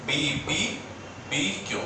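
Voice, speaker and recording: A man's voice: slow, noisy background. A man teaching physics in a lecture style, coaxing and often checking whether the students have understood. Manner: coaxing, keeps asking if students follow, calls them dear children. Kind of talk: classroom lecture. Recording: echoey room, voice from a distance.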